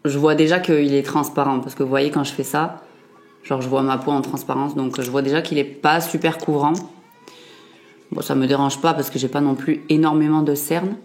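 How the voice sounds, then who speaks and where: A woman's voice: low-pitched, steady tone, normal speed, a little mellow. A young woman vlogger chatting casually through a makeup review, with frequent fillers and self-corrections. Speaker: beauty vlogger.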